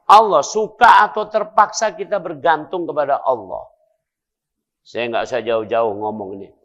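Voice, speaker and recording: A middle-aged man with a Palembang Malay accent, preaching a playful, lively sermon in a mosque. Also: a little high, dull audio. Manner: lively, playful, acts out dialogues.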